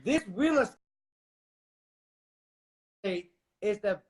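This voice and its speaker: A man's voice: sits high, lively intonation, drawn-out words, darkish tone. A man in his forties from Vietnam, a real estate investor speaking as a guest in an interview, emphatic and preachy, addressing the listeners directly. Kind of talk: motivational interview talk.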